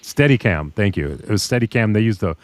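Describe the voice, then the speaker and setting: Low-voiced man rambling on a podcast. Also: animated, a little fast. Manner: rambling, loses his train of thought. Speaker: podcast co-host. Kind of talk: casual podcast chat.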